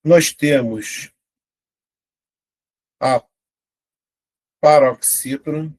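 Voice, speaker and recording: Brazilian man teaching a lively lesson. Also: fairly high pitch, extremely slow. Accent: Brazilian Portuguese. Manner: lively, talks to students directly with frequent "né?". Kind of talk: online exam-prep lesson.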